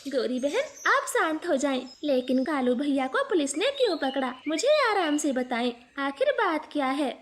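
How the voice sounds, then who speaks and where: A woman's voice: high voice, normal speed, few pauses, slight background noise. A woman doing a stern sensible cartoon sparrow. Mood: firm. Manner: calm, then firmly scolding.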